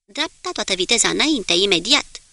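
A hard-pressed naval captain, given voice by a woman narrator, snaps out orders to dive and cease fire. The delivery is clipped and commanding, and the tone stays bright and forward. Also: medium pitch, lively intonation, gravelly, no echo. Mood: urgent commands. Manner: curt, commanding shouts. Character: male submarine commander barking orders.

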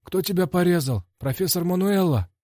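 A man's voice: high voice, animated, moderate pace, darkish tone, no room sound, clean studio sound, pitched above the performer's own voice. A man voicing a breezy, talkative young male fighter in an audiobook.

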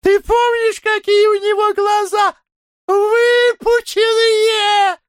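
A woman's voice: animated, moderate pace, no room sound, clean studio sound, natural voice. A man voicing Miss Kennedy, a young barmaid who squeals, pleads and giggles in disgust. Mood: shrieking laughter. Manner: shrill pleading, breaks into squeals.

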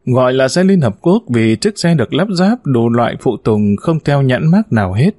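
A male storyteller reads with a very lively, rising and falling voice, and now and then he sings out a short verse. The sound is dry and close, with no room around it. His pitch sits in a middle range. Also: normal speed, no room sound. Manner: expressive, sings out quoted verses. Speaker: narrator. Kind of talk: storytelling narration.

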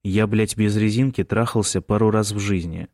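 A man's voice: on the low side, fairly even intonation, moderate pace, a little mellow, no room sound, studio quality. A man reading a sullen, irritable young man. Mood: irritated, sullen. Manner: gruff, through clenched teeth.

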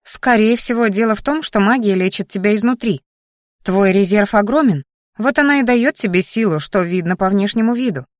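A woman's voice: medium pitch, brisk, no echo, close to an everyday voice. A woman voicing an anxious young female student roommate who stammers and gasps for breath, in a fantasy audiobook. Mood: earnest. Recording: dry close audiobook recording.

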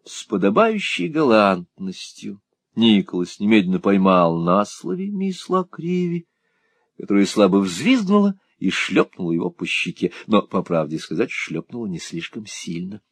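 Expressive male audiobook narrator. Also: lowish voice, breathy edge, no echo. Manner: measured, expressive storytelling. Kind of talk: scripted literary narration.

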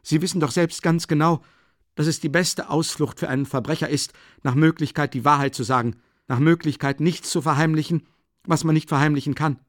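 Male reader doing a suspicious young student, high, agitated, restless delivery. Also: steady tone, brisk, dry recording, clean studio sound, natural voice. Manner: raised, agitated, accusing. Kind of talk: audiobook character voice.

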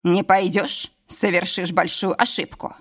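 A woman's voice: on the low side, level tone, unhurried. A woman reading an audiobook voices an angry, domineering young husband who speaks in curt commands. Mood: commanding.

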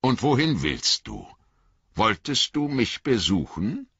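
A man voicing a gruff, hearty male hobbit farmer in an audiobook, speaking in a booming, blustery, rustic way. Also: huge pitch swings, takes it slowly, a bit bright, no echo, muffled recording, heavily acted.

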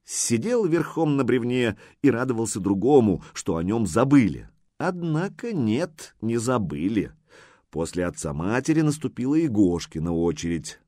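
In clean studio sound with no room noise, a man reads scripted audiobook narration at a moderate pace. His mid-range voice carries an expressive, storytelling quality.

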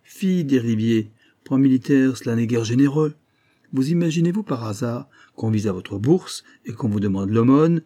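A man's voice: mid-range voice, animated, moderate pace, warm tone, voice pushed up, natural voice. A man reading an audiobook, voicing a playful, commanding young prince who teases a courtier. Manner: teasing, commanding.

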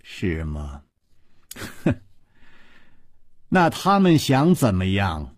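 A man voicing a cold, haughty woman who rules a hidden palace, speaking low and clipped. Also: sing-song, slow, no room sound, clean studio sound. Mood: cold commanding. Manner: icy, low, clipped, imperious.

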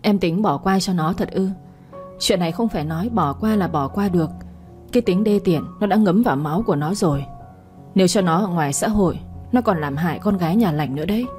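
A woman reading the part of a resolute young man who urges sharply, in a low, warm voice. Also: fairly quick, soft background music, lightly acted. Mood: insistent. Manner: sharp, insistent urging. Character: firm, protective young man.

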